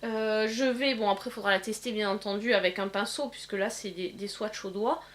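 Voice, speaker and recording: A woman demonstrating eyeshadow swatches in a casual vlog, pausing often with fillers. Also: mid-range voice, steady tone. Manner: hesitant, many filler pauses. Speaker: beauty vlogger. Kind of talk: casual makeup swatch demo.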